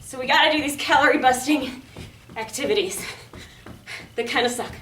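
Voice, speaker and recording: Female fitness instructor, bright and animated, encouraging and exerting herself as she calls moves; roomy, distant mic. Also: high voice, normal speed, a little hiss or hum. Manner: peppy, encouraging, casual, calling out cues and counts; exerting herself while talking. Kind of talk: workout instruction, coaching along while exercising. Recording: echoey room, distant microphone.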